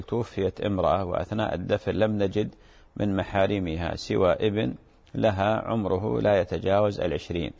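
Low gravelly-voiced sheikh answering questions. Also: male voice, a little mellow, in a large hall. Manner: measured, repeats key words for emphasis. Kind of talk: religious question-and-answer program.

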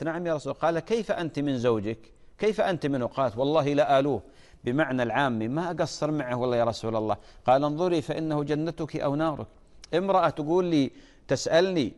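A man's voice: fairly high pitch, in a large hall. A man preaching an earnest sermon, often stalling and restarting mid-word.

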